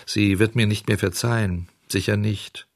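A man's voice: lowish voice, fairly even intonation, moderate pace, no echo, clean studio sound, lightly acted. A man reading a storybook and voicing a naughty wooden puppet boy who pleads and grows impatient. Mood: pleading, impatient.

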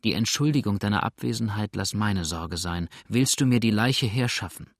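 A man's voice: on the low side, moderate pace, no echo, studio quality. A man reading aloud as an earnest, determined lady who pleads firmly in a storybook. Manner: pleading, firm.

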